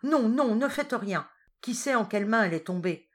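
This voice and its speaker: A woman's voice: on the low side, lively intonation, measured pace. A woman voicing a young male journalist who pleads with fervent urgency in a storybook reading. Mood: desperate.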